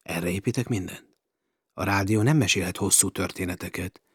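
A man voicing a bold, brash male naval officer adventurer, speaking forcefully and commandingly. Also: low-pitched, breathy edge, no room sound, clean studio sound. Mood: brisk.

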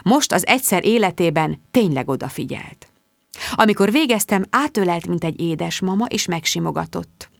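Woman reading a diary-style audiobook, wry and confiding, lively up and down, dead dry sound. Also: lowish voice, gravelly, dry recording. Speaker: audiobook narrator. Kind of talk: scripted audiobook narration.

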